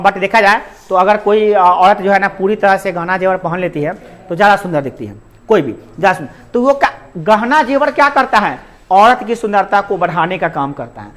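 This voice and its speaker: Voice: medium pitch, fairly bright tone. Hindi grammar teacher quizzing their class. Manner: asks questions and answers them, code-mixes English words. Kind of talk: classroom-style lecture.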